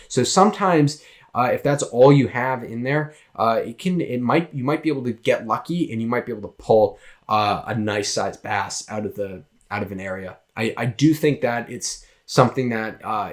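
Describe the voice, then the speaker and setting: A young man with a Massachusetts accent hosting a casual solo podcast, rambling with many fillers and restarts. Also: medium pitch. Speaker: podcast host.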